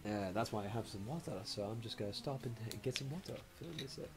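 Hoarse man chatting over gameplay. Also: on the low side, lively intonation, fast talker. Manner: rambling, many fillers and self-mocking laughs. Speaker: game streamer. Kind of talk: casual gameplay commentary. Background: game music.

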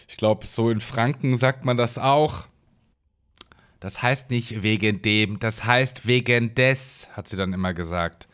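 A man's voice: lowish voice, fairly bright tone. A man from Hesse rambling through casual gameplay commentary at his desk mic, with lots of fillers. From Hesse, Germany. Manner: chatty, rambling, many fillers. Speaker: let's play host.

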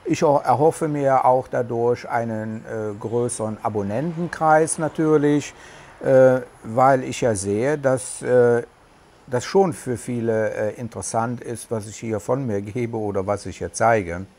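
Speaking in a regional German dialect, this middle-aged man vlogs casually to camera from a covered tropical terrace, with plenty of hesitations. His mid-range voice has a darkish tone and runs a little slow, picked up by a lapel mic outdoors.

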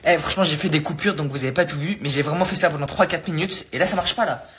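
A young man talks quickly and a little high, with a loose self-mocking exasperation, as he vlogs casually from home. His throat sounds dry. The home recording carries clear background noise. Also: fairly bright tone. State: dry vocal cords. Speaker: vlogger. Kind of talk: casual comic vlog. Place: at home indoors.

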